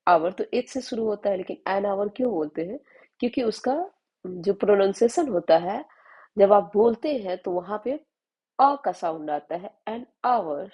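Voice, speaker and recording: A woman with an Indian accent, teaching spoken English in Hindi, reading example sentences slowly and often checking in with her students. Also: fairly low pitch, mellow, breathy edge, rough recording. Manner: explains slowly, often asks "है ना?".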